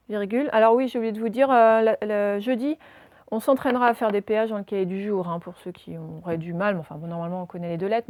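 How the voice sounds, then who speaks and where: A woman teaching a dictation lesson, slowly spelling out words letter by letter for her pupils. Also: medium pitch, a little mellow, no echo. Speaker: primary school teacher.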